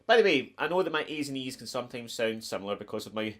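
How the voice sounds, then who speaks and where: A middle-aged man with a broad Scottish accent teaches guitar in a casual, explanatory way. His pitch sits in the middle of the male range, and guitar sounds come in behind him. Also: lively intonation, fast, a bit bright. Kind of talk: casual instructional talk to camera. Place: small attic home music room, indoors. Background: electric guitar playing.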